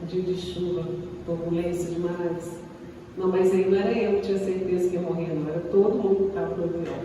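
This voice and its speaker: A woman's voice: fairly low pitch, little pitch movement, fast, dark tone. A Brazilian woman telling a funny personal story in a casual, chatty way, often laughing and tagging lines with "né?". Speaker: co-host of a spiritist live show. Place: live stream. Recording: echoey room, distant mic, background noise.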